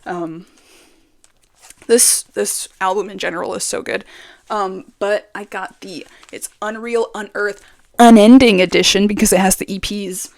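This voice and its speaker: A woman's voice: medium pitch, fairly even intonation, measured pace, a little mellow, no echo. A young woman vlogger chatting casually and with strong opinions, full of fillers, speaking very close to the microphone. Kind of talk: casual chat. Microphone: very close to the mic.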